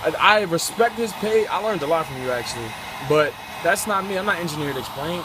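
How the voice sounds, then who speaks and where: A man's voice: a little high, expressive, a little fast. A young man co-hosting a car video, joking and hyping in a playful, bantering way. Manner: playful, hyping, asks for likes. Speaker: co-host. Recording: noisy background with vehicle sounds.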